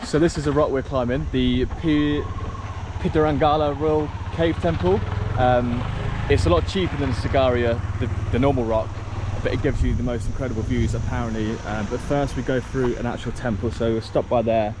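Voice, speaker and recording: A man's voice: medium pitch, fairly even intonation, moderate pace. Male travel vlogger, casual rambling delivery, handheld camera outdoors, audible insect noise. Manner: chatty, rambling, lots of ums. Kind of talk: casual travel vlog narration. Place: outdoors on a rock trail.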